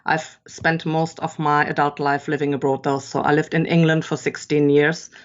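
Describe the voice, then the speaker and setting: A woman's voice: deep voice, little pitch movement, moderate pace. A middle-aged woman from Germany with a German accent, a podcast guest chatting in a rambling way with many fillers. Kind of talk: casual interview chat. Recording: dull lo-fi sound.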